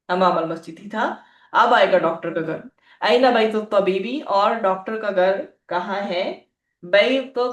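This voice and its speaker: A woman's voice: mid-range voice, far from the mic. Woman teaching Arabic in an echoey room. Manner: explains patiently, repeats phrases and checks with "ठीक है?". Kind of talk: language lesson.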